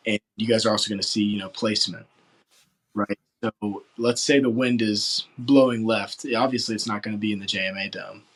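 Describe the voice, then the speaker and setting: A man's voice: fairly low pitch, a bit bright, low-quality recording. A man in his late teens from West Virginia, answering interview questions in an earnest, rambling way full of filler words. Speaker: football recruit interviewee.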